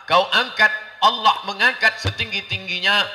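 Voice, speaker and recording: A man from Indonesia giving a humorous sermon in a large hall, acting out little scenes and swinging from hushed asides to loud, shouted points. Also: high-pitched, fairly even intonation, moderate pace. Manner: jokey, acts out characters, swings from hushed to shouting. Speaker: Islamic preacher. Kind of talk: humorous sermon with acted-out dialogue.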